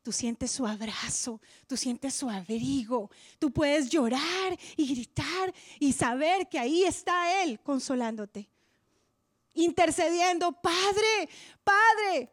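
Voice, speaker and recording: Female preacher, high-pitched, dry close sound; passionate church sermon delivery with sudden hushed drops. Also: animated, slow, few pauses, no room sound. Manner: impassioned, swings from loud to hushed.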